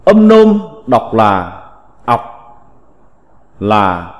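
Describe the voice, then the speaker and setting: A man teaching a slow recited vocabulary lesson, reading in a deliberate, measured way with drawn-out syllables. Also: on the low side, wildly swooping pitch, lo-fi sound. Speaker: teacher of classical characters. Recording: long reverb.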